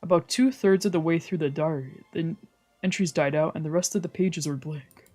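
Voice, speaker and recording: A streamer reads a visual novel aloud as dramatic narration in a medium-pitched, darkish voice at a brisk pace, tossing in casual asides and occasionally stumbling. Background music plays behind the voice.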